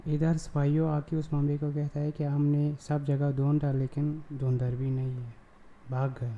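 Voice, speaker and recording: A man hosting his own channel, recapping a TV drama episode in casual, halting speech with frequent fillers and self-corrections. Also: on the high side, completely flat delivery, narrow, tinny audio.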